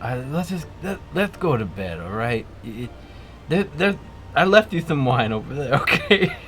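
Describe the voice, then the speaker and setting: A man playing a tabletop game, chatting casually in character with a halting, stammering delivery. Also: medium pitch, sing-song, over music. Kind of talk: casual in-character improvised chat.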